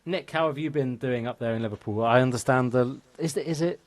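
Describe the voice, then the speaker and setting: A man's voice: medium pitch, a little fast, no echo. A man hosting a live online music show over a video call, asking rambling questions in a chatty way. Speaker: host.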